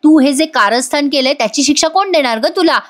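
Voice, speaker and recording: A woman's voice: high-pitched, fast, voice pushed up, natural voice. A woman reading the lines of an angry young woman who sternly scolds and threatens her rival. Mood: stern scolding.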